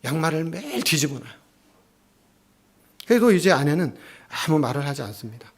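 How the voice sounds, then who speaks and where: A man's voice: a little high, sing-song, normal speed, husky. Man preaching a storytelling sermon. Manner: storytelling, acting out family scenes with voices. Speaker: pastor. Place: church.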